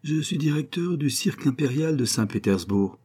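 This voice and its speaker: A man reading aloud plays a self-assured young dandy who speaks with composure and quiet command. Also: medium pitch, lively intonation, moderate pace, slightly rough, voice pushed up.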